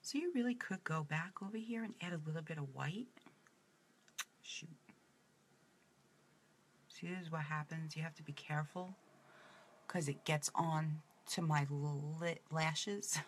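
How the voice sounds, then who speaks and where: A chatty woman with a New York accent and a low voice talks through a casual makeup tutorial. She rambles and drifts off topic, and a faint hiss sits under her voice. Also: a little slow, long pauses. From Brooklyn, New York.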